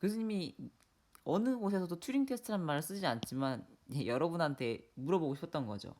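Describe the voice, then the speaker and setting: A woman's voice: low voice, animated, brisk, warm tone. A woman professor giving a university lecture, asking her students questions directly.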